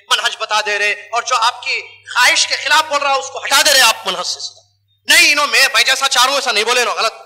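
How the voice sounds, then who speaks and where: High, bright-voiced man preaching with emphasis. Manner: emphatic, full of rhetorical questions. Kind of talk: sermon.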